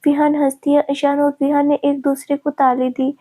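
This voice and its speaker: A woman narrating a family love story in a steady, even reading. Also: high-pitched, moderate pace.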